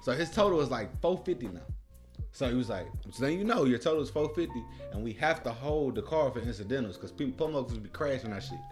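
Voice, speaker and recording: A man's voice: medium pitch, animated, fast. A man co-hosting a casual podcast, telling a story with profanity, acting out quotes in voices and saying "bro" a lot. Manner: says "bro" often. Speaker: podcast co-host. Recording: music playing loud behind the talk.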